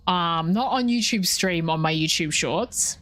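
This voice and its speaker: A woman's voice: fairly low pitch, measured pace, fairly bright tone. A young woman chatting casually while streaming a game, rambling and breaking off mid-thought. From Australia. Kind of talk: casual chat while gaming live.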